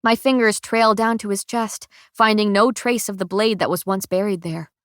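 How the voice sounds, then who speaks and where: A woman narrating a first-person audiobook in a slow, measured, emotional reading on a close studio mic. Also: mid-range voice, fairly even intonation, fairly bright tone, no room sound.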